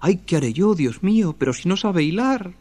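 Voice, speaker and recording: A woman's voice: low-pitched, sing-song, normal speed, dark tone, pitched above the performer's own voice. A man voicing a panicky mother in a folktale, wailing and fretful. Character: frantic mother, panicky and shrill.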